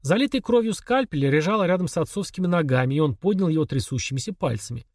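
A man reading a horror novel aloud as narrator, in a slow, dramatic manner with quiet pauses. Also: fairly high pitch, animated, no room sound, clean studio sound. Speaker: audiobook narrator.

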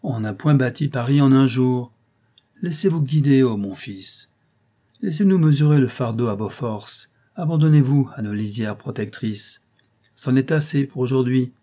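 A man's voice: medium pitch, moderate pace, dark tone, voice pushed up, close to an everyday voice. A man reading an audiobook voices a scheming old male clerk who speaks in a paternal, ironic and emphatic way. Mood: didactic.

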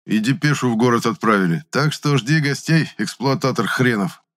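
Guy doing a cocky loud squad boss, sharp and mocking, bossing everyone around. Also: mid-range voice, expressive, moderate pace, pitched above the performer's own voice, natural voice. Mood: mocking, commanding. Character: brash young male agitation-squad leader, aggressive.

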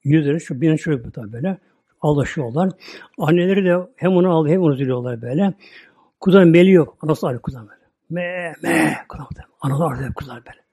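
Turkish male preacher telling a sacred story; quick, slightly raised pitch, husky. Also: animated, warm tone. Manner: retells a story with constant repetition of filler words. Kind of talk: religious storytelling talk.

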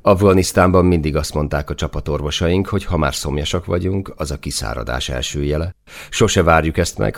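Very deep, gravelly male narrator. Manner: dry, earthy, with casual swearing. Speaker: audiobook narrator. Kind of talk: first-person novel narration.

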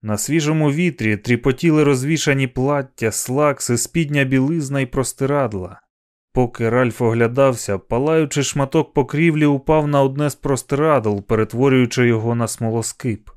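A man reading a novel aloud as an audiobook narrator, in a steady, measured manner. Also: mid-range voice, smooth. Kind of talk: scripted narration.

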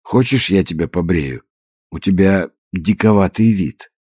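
A man reading an audiobook, voicing a brisk, caring young woman who teases and reassures. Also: sits low, a little mellow, husky, no room sound, studio quality. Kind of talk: audiobook character voice.

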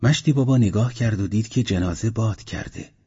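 Low, husky male audiobook narrator. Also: mellow. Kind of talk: scripted narration. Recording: dull lo-fi recording.

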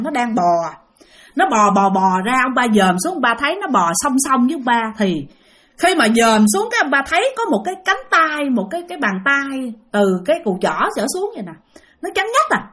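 A woman with a Southern Vietnamese accent tells a ghost story in a high, animated voice. She speaks straight to her listeners and repeats phrases for effect. Her pitch swings widely through the telling.

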